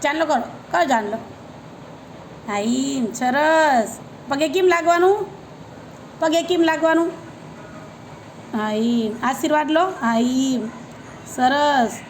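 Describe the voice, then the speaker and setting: A woman's voice: high-pitched, slow, pauses often, slight background noise, poor audio. Coaxing woman giving commands. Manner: coaxing, directive, repeats short commands. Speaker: family member guiding a child's worship. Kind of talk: home ritual instruction.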